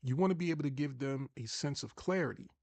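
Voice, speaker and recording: A man's voice: medium pitch, fast, creaky, a little mellow, no echo. A man with a Long Island New York accent giving an emphatic motivational talk to viewers as an online marketing coach, often restarting and repeating words.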